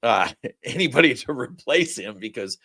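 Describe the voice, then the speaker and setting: A man's voice: mid-range voice, normal speed, slightly rough, no echo. Male sports podcast host, casual and fired-up, swears freely, dry close sound. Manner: animated, profane, rambling.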